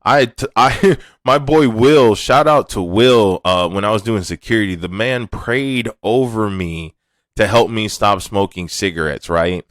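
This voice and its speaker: Man, podcast host, casual monologue, low voice, candid, dry close sound. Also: a little slow, dry recording. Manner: laid-back, candid, swears casually.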